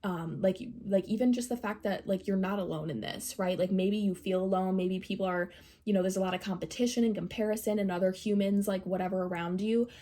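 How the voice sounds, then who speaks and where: A woman's voice: mid-range voice, steady tone, fairly quick, warm tone. A woman with a nasal voice from a recent cold, giving a casual, rambling tarot reading to camera, full of "like" and "um". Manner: rambling, filler-heavy, many "like"s. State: recovering from a cold. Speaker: tarot reader.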